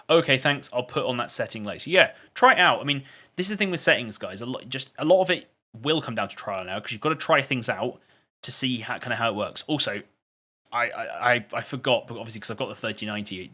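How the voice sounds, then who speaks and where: A man's voice: mid-range voice, pushed and bright. A man chatting casually on a live stream, reading out and answering viewer questions. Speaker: gaming streamer.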